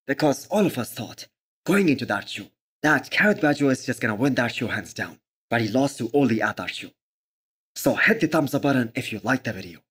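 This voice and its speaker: A man's voice: medium pitch, a bit bright, breathy edge. A man giving an emphatic, opinionated sports commentary voice-over, speaking directly to viewers as host of a fitness channel.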